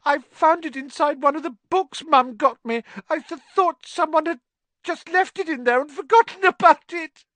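A man's voice: extremely high pitch, moderate pace, sharp tone, no echo, pitched above the performer's own voice. A man voicing a frightened young girl who stammers through her sobs. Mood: sobbing, scared.

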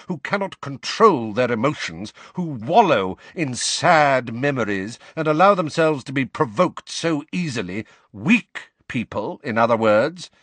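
A man's voice: lowish voice, a bit bright, no echo, exaggerated voice. A man voicing a cold, menacing male teacher who speaks in clipped, cutting phrases. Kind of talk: audiobook character voice.

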